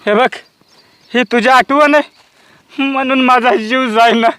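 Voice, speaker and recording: A man's voice: very high-pitched, fairly even intonation, measured pace, bright, forceful tone, clean tone, no echo, full character voice. An actor playing a lovesick village man driven mad by lost love, pleading and repeating her name in a Marathi comedy sketch. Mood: tender, grieving.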